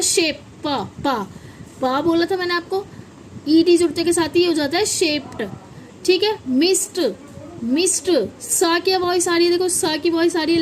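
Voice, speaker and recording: High-voiced woman teaching pronunciation. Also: slight background noise, low-quality recording. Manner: repeats words and quizzes viewers with questions. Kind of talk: classroom-style lesson with repeated examples.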